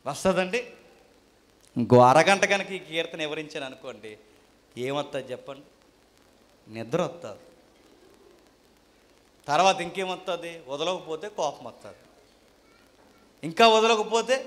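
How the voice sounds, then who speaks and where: A man's voice: fairly high pitch, a bit bright. A man preaching a fiery sermon, scolding and firing rhetorical questions at his congregation. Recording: long hall reverb.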